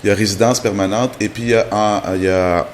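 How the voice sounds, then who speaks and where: A man from Canada, answering interview questions as a guest, explaining in a measured way with frequent restarts. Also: fairly low pitch, steady tone, a little hiss or hum. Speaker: guest, immigration trainer.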